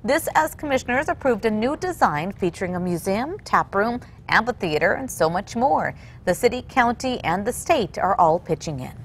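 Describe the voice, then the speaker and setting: A woman's voice: medium pitch, lively intonation, normal speed. Female TV news anchor, mid-range voice, scripted read, faint noise behind.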